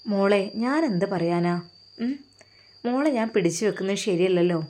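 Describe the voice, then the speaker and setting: A woman's voice: medium pitch, moderate pace, warm tone, lightly acted. Woman doing a loving, sorrowful older mother. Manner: tender, sorrowful, advising. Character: tearful, loving older mother-in-law, pious.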